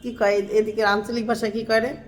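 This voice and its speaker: Chatty high-voiced woman vlogger. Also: little pitch movement, fairly quick. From Bangladesh. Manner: chatty, folksy, talks to viewers and family as she films. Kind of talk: casual chat to camera.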